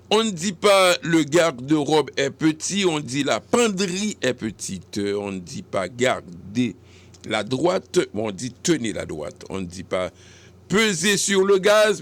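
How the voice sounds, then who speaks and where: Slow, gravelly male radio host. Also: mid-range voice. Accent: Haitian. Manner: didactic, correcting word by word, with hesitations. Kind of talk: radio segment on French usage.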